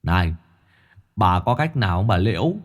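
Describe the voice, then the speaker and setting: A man voicing a cheeky young male ghost in a spoken ghost story, loud and mocking. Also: sits low, sing-song, normal speed. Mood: calling out.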